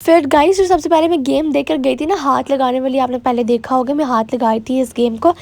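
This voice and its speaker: A woman's voice: high-pitched, steady tone, brisk, vocal fry, darkish tone. A young woman, narrating her vlog in a chatty, self-mocking way that often restarts mid-sentence. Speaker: vlogger. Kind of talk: casual voice-over vlog narration.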